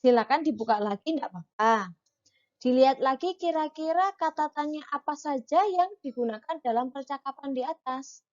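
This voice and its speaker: Woman, primary school teacher, patient, marked reading intonation, fairly high voice, muffled lo-fi audio. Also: lively intonation, darkish tone. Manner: patient, slow, reads dialogue with marked intonation. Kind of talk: online reading lesson for children.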